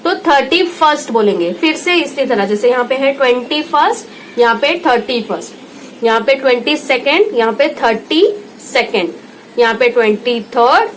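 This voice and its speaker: An Indian woman tutor giving a home lesson, slowly repeating each word and checking in with her listener. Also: high voice, expressive, slight background noise, poor audio. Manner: slow patient repetition, checks in with "theek hai".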